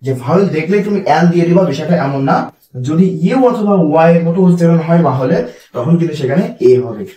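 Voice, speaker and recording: A young man tutoring for an exam at a brisk, rushed pace, his voice sitting a bit high for a man. He asks questions and answers them himself, and slows right down to spell out each example. The sound is roomy and echoey, and he is a little far from the mic. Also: animated, dark tone. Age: young adult. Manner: explains step by step, asks and answers his own questions, reads examples slowly. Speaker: English grammar teacher. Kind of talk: online exam-prep lesson.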